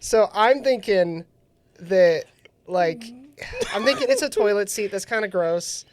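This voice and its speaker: A high-pitched man with lively intonation hosts a casual radio talk show, speaking at a measured pace with a slight hiss or hum behind him. Still nasal from a recent illness, he laughs often while telling a story.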